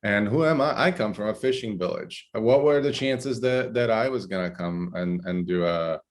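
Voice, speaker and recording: A middle-aged man from Italy with an Italian accent, a podcast guest talking haltingly with many fillers and restarts. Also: fairly low pitch. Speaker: guest, climate researcher. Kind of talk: podcast interview.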